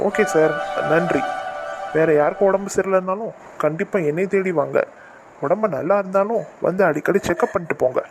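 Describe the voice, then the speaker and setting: A man's voice: high voice, fairly quick, noisy background. A man voicing a pompous, greedy cartoon doctor who pushes for his fee. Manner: self-important, pushy.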